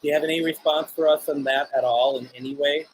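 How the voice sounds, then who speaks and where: Earnest soft-spoken male host. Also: fairly high pitch, steady tone, poor audio. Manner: earnest, halting, speaks softly to spirits. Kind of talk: live paranormal radio session.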